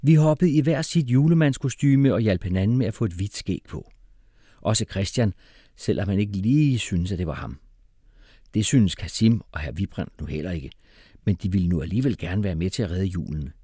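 A man's voice: fairly low pitch, slightly rough, no room sound. Man narrating a kids' story, bouncy delivery, dry close sound. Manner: lively, playful character reading. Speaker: audiobook reader.

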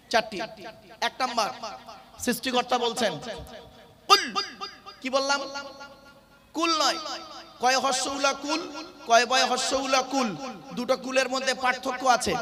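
A male preacher gives a sermon to a live gathering. He fires questions at the audience and stresses and stretches words to correct their pronunciation. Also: extremely high pitch. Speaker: Islamic preacher. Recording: live sermon with crowd noise.

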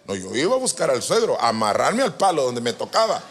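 A man preaching a sermon to pastors, animated and joking with the congregation, swinging from loud to soft. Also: medium pitch, a little fast, slightly rough. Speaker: apostle preaching. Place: church retreat hall.

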